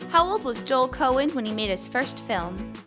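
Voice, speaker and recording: A woman's voice: sits high, expressive, normal speed, over music. A young woman co-hosting a casual cooking show, upbeat and giggly as she chats and reads out movie trivia.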